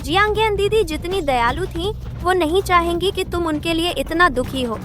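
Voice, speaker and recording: A woman's voice: very high voice, normal speed, music in the background. An actress playing a scheming young woman who offers false comfort and slyly coaxes a grieving man, in a dubbed drama. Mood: coaxing. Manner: falsely consoling, sly.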